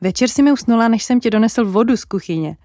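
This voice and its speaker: A kind, gentle father from a storybook, read by a woman in her own voice. The sound is dry and close, without any room echo. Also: fairly high pitch, animated, natural voice. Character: kind father waking his daughter.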